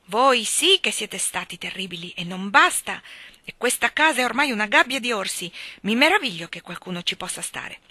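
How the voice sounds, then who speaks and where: A woman's voice: a little high, big pitch swings, moderate pace, hardly any pauses, sharp tone, no room sound, voice pushed up, heavily acted. A woman reading aloud from a children's book, voicing a stern, haughty magical nanny in a curt, lofty way.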